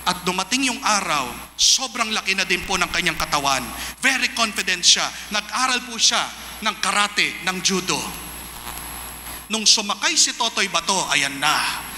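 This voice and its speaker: A Filipino priest preaches in a very high, ringing voice, slowing right down and leaning on each word when he switches to English. His sermon echoes through a big convention hall with a long reverb tail, and a faint hiss sits under it. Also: animated, sharp tone. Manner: mixes Filipino and English, asks "Amen?" of the crowd; slows and stresses English lines.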